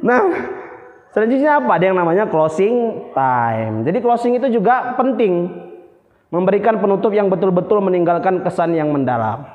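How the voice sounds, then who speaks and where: A man's voice: high voice, expressive, moderate pace. A man running a public speaking workshop in a mosque, playful and teasing, often quizzing his audience. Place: mosque hall. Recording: reverberant hall, dull lo-fi sound.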